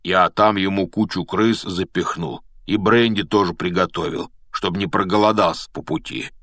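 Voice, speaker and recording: Man doing a gruff soft-hearted giant. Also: sits low, steady tone, moderate pace, no echo. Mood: tearful hushed. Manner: gruff, sentimental, blustering.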